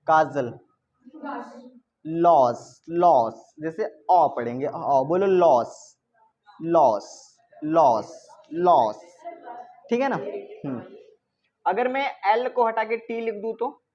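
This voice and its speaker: A man teaching English pronunciation to a class, asking questions and repeating words slowly. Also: sits high, a little mellow, muffled recording. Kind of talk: classroom lesson.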